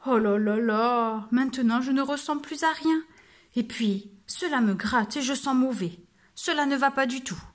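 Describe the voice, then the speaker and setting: A woman's voice: expressive, normal speed, husky. A woman voicing a grumpy big male wolf who is never pleased with himself, exclaiming in a raised voice, reading a children's storybook. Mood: fed up. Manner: exclaiming, higher and louder than her narration.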